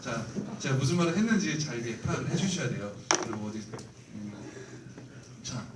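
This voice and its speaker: A man's voice: medium pitch, very animated, fairly quick, heavy background noise. A man lecturing church youth leaders in a church meeting room, earnest and explanatory, acting out examples as he goes. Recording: roomy hall, mic far off.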